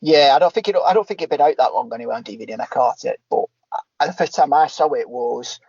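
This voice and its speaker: A man's voice: medium pitch, fast, gravelly, a little mellow, breathy edge, dry recording, lo-fi sound. A man co-hosting a podcast, talking hesitantly about films and repeating himself. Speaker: podcast co-host. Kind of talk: casual film chat.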